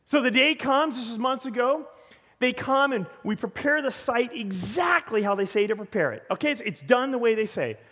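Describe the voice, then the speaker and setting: Pastor, male, high voice, animated storyteller who trips over his words, long church-hall reverb. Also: normal speed. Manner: animated, stumbling restarts and repeated words. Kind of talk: storytelling sermon.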